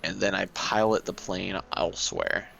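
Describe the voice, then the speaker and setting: A young man co-hosting a podcast in casual chat, rambling and halting with lots of fillers and restarts. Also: sits low, steady tone, vocal fry, fairly bright tone, poor audio. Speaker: podcast co-host.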